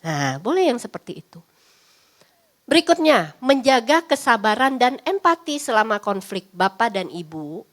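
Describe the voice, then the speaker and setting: A woman's voice: fairly high pitch, sing-song, moderate pace. A woman psychologist giving a parenting class in a chatty, teasing way, often acting out lines of parents and children. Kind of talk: parenting seminar talk.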